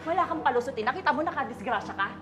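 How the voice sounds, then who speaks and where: Stern, piercing prison warden. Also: female voice, high voice, lively intonation, racing. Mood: scolding. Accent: Filipino. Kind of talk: TV melodrama acting. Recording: music behind dialogue.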